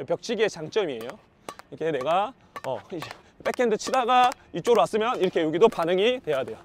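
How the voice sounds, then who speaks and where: A man teaching badminton defense, explaining and counting his strokes aloud while he hits against a wall. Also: sits high. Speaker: badminton coach. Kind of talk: instructional demo while practicing.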